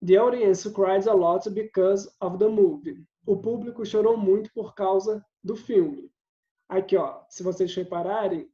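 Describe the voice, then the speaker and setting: Mellow-voiced man teaching. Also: high voice. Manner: patient step-by-step explaining, checks in with "tá?". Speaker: English teacher. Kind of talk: recorded video lesson. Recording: roomy, slightly dull sound.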